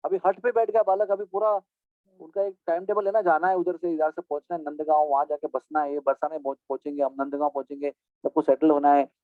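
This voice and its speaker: High-voiced man telling a devotional story. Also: quick pace, no echo. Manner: animated, playful, mixes in English phrases. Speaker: spiritual teacher. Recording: tinny phone-like dry sound.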